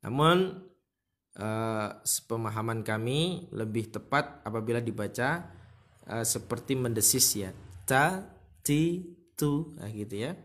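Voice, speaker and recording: A man teaching Quran recitation, explaining letter sounds calmly and demonstrating them by repeating syllables and chanting verses slowly. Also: lowish voice. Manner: calm explanatory tone with frequent "ya" tags. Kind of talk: explaining tajwid with recited examples.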